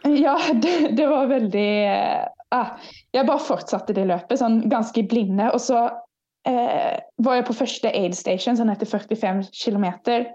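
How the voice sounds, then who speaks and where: Young woman guest on a video call, mellow and fairly high-pitched, lively storyteller who acts out what she said; muffled lo-fi call sound. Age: young adult. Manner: animated, acts out her own past remarks. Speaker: guest ultrarunner. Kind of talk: casual interview storytelling. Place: student room. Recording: dull lo-fi video call audio.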